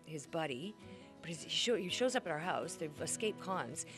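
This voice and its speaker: Over music, this older actor and grandmother talks in a low, expressive voice at a normal pace. She's a chatty interview guest, spinning stories and performing the quoted lines.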